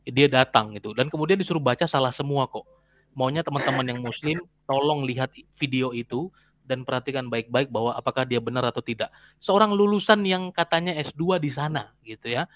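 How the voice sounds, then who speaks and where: A man's voice: mid-range voice, fairly quick, dry recording, highs cut off. A man co-hosting who comments casually and stops now and then to search for words.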